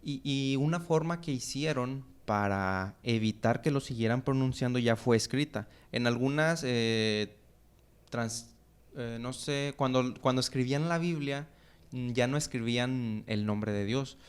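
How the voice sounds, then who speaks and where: A man with a Mexican Spanish accent and a smooth, resonant voice teaches on a church podcast. He explains patiently and in a friendly way, checking in with his listeners through frequent tag questions. His pitch sits in a middle range for a man. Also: a little slow. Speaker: podcast co-host teaching Bible. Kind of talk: casual Bible teaching chat.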